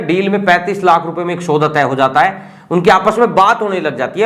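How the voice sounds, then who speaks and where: A man with a rather high voice talks straight to his audience in a casual explainer. His delivery is chatty and conversational, like a host walking viewers step by step through a fraud. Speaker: YouTube channel host warning about scams.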